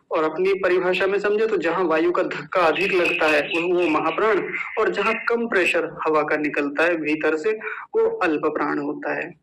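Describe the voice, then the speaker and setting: A man's voice: high-pitched, a bit bright, rough recording. A man teaching a recitation lesson, patiently sounding out words syllable by syllable and asking listeners to repeat after him. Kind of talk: slow, careful recitation lesson.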